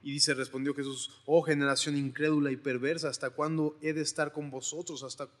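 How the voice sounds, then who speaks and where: A man preaching a relaxed, conversational sermon, full of informal asides and questioning tags. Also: fairly high pitch, a little fast, in a large hall. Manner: informal, questioning asides, retells scripture in voices.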